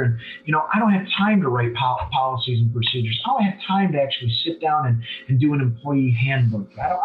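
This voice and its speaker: A man in his forties, a business owner telling his story bluntly and candidly as a podcast guest, self-deprecating and animated when he makes a point. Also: fairly high pitch. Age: 40s. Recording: thin phone-like line, distant from mic.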